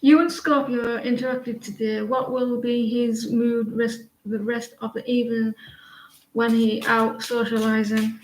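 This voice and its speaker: A woman giving a casual live tarot reading, chatty and halting, often trailing off and restarting. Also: on the high side, flat delivery. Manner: chatty, halting, sings snatches of songs between readings. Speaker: tarot reader. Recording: echoey room, faint noise.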